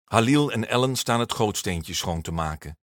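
A man reads a children's story aloud in a rather low voice, and his intonation rises and falls with plenty of life. The recording is dry and close, with no room sound. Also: animated, moderate pace, no echo. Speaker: narrator.

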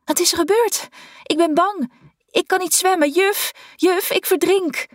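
A woman voicing frightened young schoolgirls crying out in panic from a dark swimming pool. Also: a little slow, dry recording, clean studio sound. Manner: high, panicky, pleading. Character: frightened little schoolgirls calling out.

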